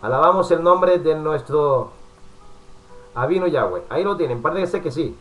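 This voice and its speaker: Male preacher, fairly high voice, pastoral Bible-study sermon, chatty asides, soft music underneath. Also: lively intonation, low-quality recording. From Spain. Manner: warm pastoral address with frequent asides, pausing to work the computer.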